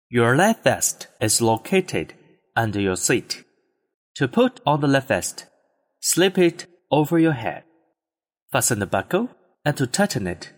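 Lively male cabin announcer with reverb. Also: medium pitch. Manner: formal, even announcement delivery. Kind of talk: scripted in-flight announcement. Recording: long reverb tail.

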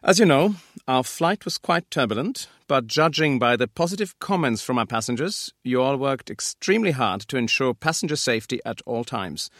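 A man's voice: medium pitch, animated, normal speed, hardly any pauses, a bit bright, dry recording, studio quality, natural voice. A man playing a composed, appreciative airline captain addressing the crew in an orderly, scripted lesson dialogue.

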